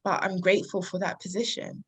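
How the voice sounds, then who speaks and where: A woman's voice: fairly low pitch, level tone, a little fast, fairly bright tone, slightly rough. Earnest woman in her thirties, from London. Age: 30s. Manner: earnest, reflective, laughs often. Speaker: podcast guest. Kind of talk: casual interview talk.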